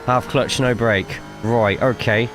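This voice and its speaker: A man's voice: mid-range voice, steady tone, slow pace, noisy background. A man with a cough giving casual, chatty live commentary while streaming a sim racing game, swearing freely and reading chat aloud.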